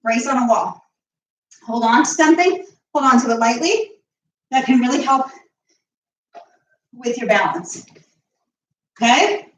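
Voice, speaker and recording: A woman's voice: on the high side, animated, measured pace, pauses often, a little hiss or hum. A woman fitness coach leading a live home workout, out of breath as she exercises along and counts reps aloud. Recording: echoey room, mic at a distance.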